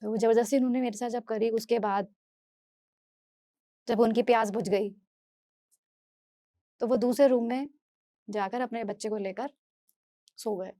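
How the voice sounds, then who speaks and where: A woman from Delhi giving an earnest, halting first-person testimony as a speaker, often restarting and repeating her phrases. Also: a little high, steady tone, dark tone, no room sound. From Delhi, India. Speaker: speaker sharing a personal story.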